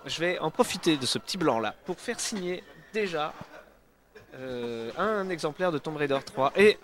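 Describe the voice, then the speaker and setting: A man co-hosting a charity stream, chatty and brisk. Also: fairly high pitch, expressive, a bit bright, slight background noise. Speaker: co-host. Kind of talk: casual stream banter.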